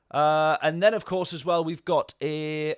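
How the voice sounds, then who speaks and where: A man's voice: on the high side, clean tone, dry recording, studio quality. A man talking casually over a racing game stream, rambling and answering viewer chat. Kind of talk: casual gameplay commentary.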